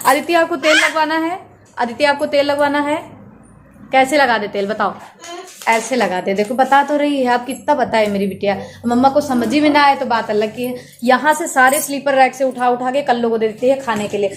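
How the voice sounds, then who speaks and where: A young woman with a high voice chats to her viewers in a casual home vlog, talking straight at the camera. She records on her phone indoors, and the room sounds echoey with faint noise in the background. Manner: chatty, talks straight to viewers. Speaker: family vlogger.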